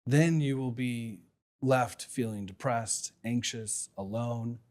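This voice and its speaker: A man's voice: mid-range voice, slow, a little mellow. Male podcast host, middle-aged, solo motivational talk, reflective, rhetorical questions, mid-range voice. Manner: reflective, asks rhetorical questions, talks from personal experience.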